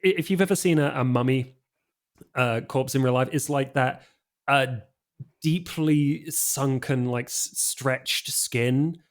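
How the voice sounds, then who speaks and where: A man narrating as storyteller of a tabletop game in a loose, unhurried way, with many fillers. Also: mid-range voice.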